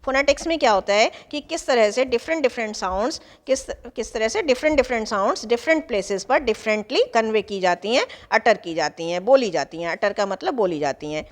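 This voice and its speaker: Higher-pitched woman lecturing in a reverberant room. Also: expressive. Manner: explains English phrases in Hindi, slows down when reading English. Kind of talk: Hindi exam-prep lecture with English terms.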